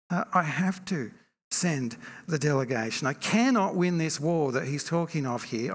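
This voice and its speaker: A male preacher with a gravelly, creaky edge to his voice delivers a measured, reflective sermon. He keeps circling back with rhetorical questions. His words ring out with a long reverb, as if spoken in a big church hall. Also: high-pitched, a bit bright.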